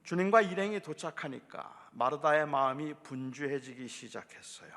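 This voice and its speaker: A man's voice: fairly high pitch, moderate pace, fairly bright tone. A male pastor preaching a sermon, telling the story vividly and acting out voices. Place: church. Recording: echoey church hall.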